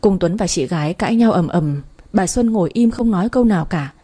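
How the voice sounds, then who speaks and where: A woman narrating a romance story in the first person, with even, soft storytelling. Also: on the low side, fairly quick, slightly rough.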